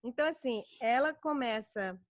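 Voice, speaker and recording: A woman's voice: on the high side, moderate pace, no echo, clean studio sound. A middle-aged woman with a Brazilian accent, a voice actor chatting in an interview. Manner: animated, chatty, many fillers. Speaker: voice actor guest. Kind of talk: casual interview chat.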